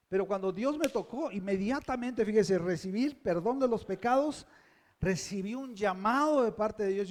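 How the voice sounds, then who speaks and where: A man's voice: high voice, darkish tone. A man preaching a sermon as pastor, emphatic and often putting questions to the congregation.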